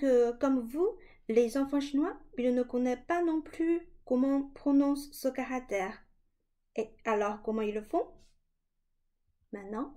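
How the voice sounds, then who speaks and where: A woman teaching children a language lesson, slowly and clearly demonstrating sounds. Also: fairly high pitch, warm tone.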